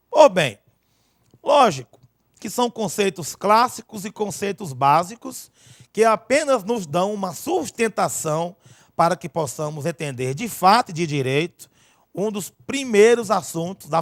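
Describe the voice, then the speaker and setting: A male grammar teacher giving a recorded lesson, his voice high and swinging widely in pitch. He keeps checking in with his listeners as he explains. The sound is dry and close, with no room around it. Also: normal speed, no room sound. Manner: lively, checks in constantly with listeners.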